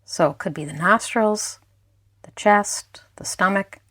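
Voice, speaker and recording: In a dry recording, a female mindfulness teacher with a medium-pitched voice narrates a guided meditation. She speaks softly and slowly, leaving pauses between her phrases.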